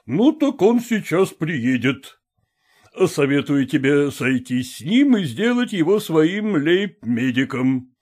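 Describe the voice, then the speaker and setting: A man reading a friendly character who confides advice to a friend. His voice is fairly high for a man and very lively in pitch. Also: slow pace, exaggerated voice. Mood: advising. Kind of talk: story reading.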